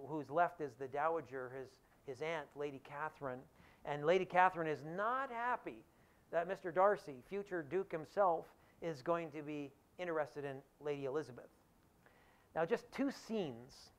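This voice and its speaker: A male economics professor gives a public lecture in a lecture hall. He tells it like a story, animated and full of acted-out quotes. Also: on the high side.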